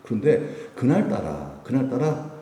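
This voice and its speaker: A man in his fifties preaching a sermon at a Wednesday prayer meeting, conversational, with rhetorical questions and sudden jumps in pitch. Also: very animated, a little slow, mellow. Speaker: pastor. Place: church sanctuary. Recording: echoey church hall, mic from a distance.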